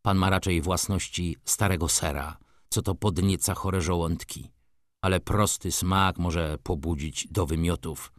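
A man voicing a grave, determined middle-aged merchant who speaks slowly in a hollow, muted voice, cold and formal. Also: low-pitched, steady tone, dry recording, studio quality. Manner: slow, measured, coldly formal. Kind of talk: audiobook character reading.

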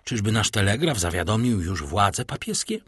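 Nervous portly male banker, middle-aged, husky, anxious mutterer; a man reads him. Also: fairly low pitch, big pitch swings, normal speed, a bit bright, dry recording, studio quality, heavily acted.

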